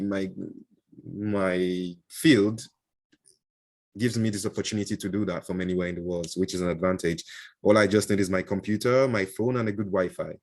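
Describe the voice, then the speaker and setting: A Nigerian man with a fairly low voice and an Igbo accent speaks loosely as an interview guest over a video call, giving casual answers. He sounds hesitant, often pausing for "um" and "uh," restarting sentences, and chuckling frequently.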